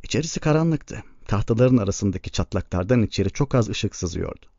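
A man narrating an audiobook in a measured, even storytelling manner. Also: lowish voice, no room sound. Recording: dull lo-fi recording.

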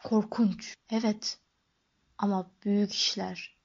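A woman voicing an eccentric, intense old male wandmaker who speaks in a soft, lowered murmur, in an audiobook. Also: little pitch movement, slow, gravelly, lo-fi sound. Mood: hushed, musing.

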